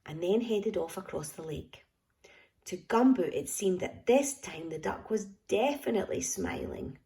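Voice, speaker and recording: A woman reads a children's picture book aloud, slow and unhurried, with a voice that rises and falls in wide swings. A faint gravelly edge sits under her words, and she drops into hushed whispers at the tense moments. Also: mid-range voice. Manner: expressive, dramatic hushed whispers; affectionate toward listener. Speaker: storyteller.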